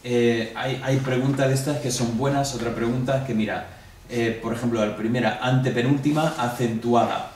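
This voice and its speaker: A Greek teacher with a Spanish accent leads a classroom review, explaining each answer step by step and asking the class questions along the way. His voice is medium-pitched and darkish, with little pitch movement, a moderate pace, and hardly any pauses. He is recorded from a distance in an echoey room with a faint hum underneath.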